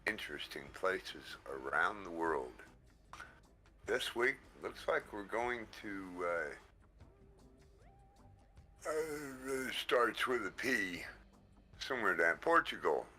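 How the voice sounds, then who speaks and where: Streamer host on a headset mic: deep-voiced man, laid-back and slow, friendly thank-yous. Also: sing-song, sharp tone, faint music behind. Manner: slow, easygoing, thanks viewers often. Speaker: livestream host. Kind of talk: casual livestream chat.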